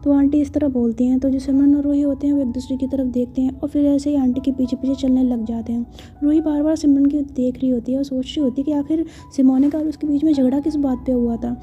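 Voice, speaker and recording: A woman's voice: sits high, fairly even intonation, fast, mellow, lo-fi sound, soft background music. A woman storyteller retelling a love story in a chatty, casual way, explaining each gesture.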